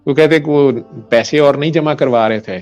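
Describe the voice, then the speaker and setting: A man's voice: a little high, darkish tone, clean tone, muffled recording, faint music behind. A man, a doctor, telling a hospital story in an interview, acting out quoted dialogue and mixing in English medical terms.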